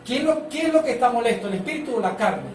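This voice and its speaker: A man's voice: very high voice, lively intonation, fast, roomy sound, far from the mic, a little hiss or hum, low-quality recording. A man preaching a sermon as pastor, prompting the congregation to repeat phrases back to him.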